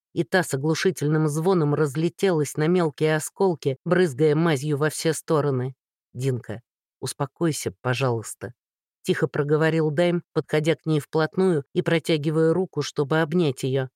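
An audiobook narrator reading a tense scene in a dramatic, expressive way. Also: mid-range voice, moderate pace, dry recording, clean studio sound. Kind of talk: scripted narration.

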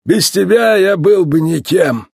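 A man voicing an older veteran champion race car in a storybook reading, talking in a warm, fatherly way. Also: a little high, big pitch swings, a little slow, slightly rough, no echo, clean studio sound, pitched above the performer's own voice, exaggerated voice.

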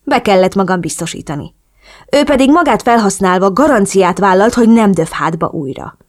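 A woman reading the lines of a cold, calculating male drug cartel boss in an audiobook, in a cool, measured, blunt manner. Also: mid-range voice, expressive, close to an everyday voice.

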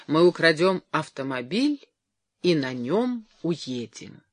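A reader voicing a conspiratorial husband in an audiobook, hushed and plotting. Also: mid-range voice, very animated, takes it slowly, dry recording, clean studio sound. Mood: scheming. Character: scheming husband, conspiratorial and bold. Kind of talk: audiobook character voice.

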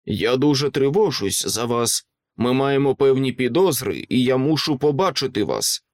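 Man reading as a stern lawyer: commanding, insistent, lots of movement in the pitch. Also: big pitch swings, normal speed, no room sound. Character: stern middle-aged male lawyer, resolute.

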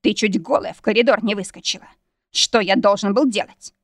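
A woman reading the part of a hot-tempered male demon husband in an audiobook, with a husky, growling delivery. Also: mid-range voice, brisk, no echo, studio quality, natural voice. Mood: mocking.

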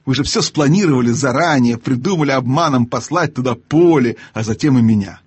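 A man voicing a blunt, indignant young boy in a storybook reading, with a husky voice. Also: medium pitch, a little fast, darkish tone, dry recording, lightly acted. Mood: angry.

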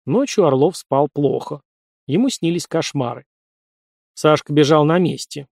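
A man narrating an audiobook in a lively, playful storytelling manner. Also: on the high side, measured pace, creaky, dry recording, studio quality.

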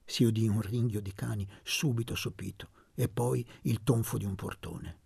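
A man reading a literary novel aloud in a measured, expressive narration. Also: lowish voice, creaky, husky, no room sound. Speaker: audiobook reader.

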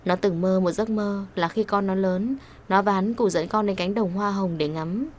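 A woman reading a melodramatic story aloud as an audiobook narrator, with steady, even delivery. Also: mid-range voice, moderate pace, a little hiss or hum.

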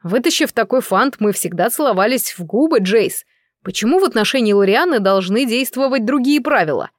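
A woman's voice: on the high side, expressive, fairly quick, no echo, clean studio sound, lightly acted. A woman reading a mocking cocky young man. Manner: mocking, scornful.

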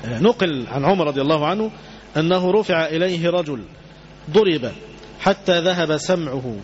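A man's voice: on the high side, lo-fi sound, a little hiss or hum. A man with an Egyptian Arabic accent giving a colloquial religious lesson, often quizzing his listeners with questions for them to complete. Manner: quizzes audience with fill-in questions. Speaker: Islamic teacher.

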